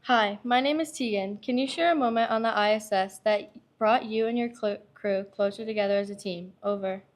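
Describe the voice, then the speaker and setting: A woman's voice: medium pitch, normal speed, slight background noise. A young female student reading out a prepared question in a radio-contact format.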